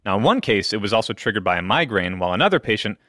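A man's voice: on the low side, very animated, rapid-fire, bright, forceful tone, no echo, clean studio sound. A man co-hosting a medical radio show, reading health news with jokey, pun-filled banter. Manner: jokey, fond of puns.

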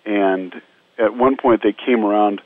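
Earnest relief worker guy, slightly low voice, phone-line sound, dry and close. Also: steady tone, unhurried, dry recording. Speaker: disaster relief medical team member. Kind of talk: storytelling in a radio interview.

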